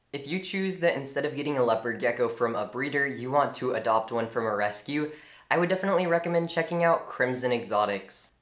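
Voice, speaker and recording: A young man giving an informal, earnest tutorial on reptile care, with strong opinions and lively emphasis. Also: mid-range voice. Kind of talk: informal instructional talk. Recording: echoey room.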